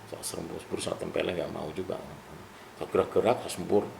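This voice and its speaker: An older man with a very low, gravelly voice tells a story in a casual way. He is animated and rises to loud bursts at the tense parts. The recording sounds roomy, with clear ambience behind him. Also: fast, slight background noise.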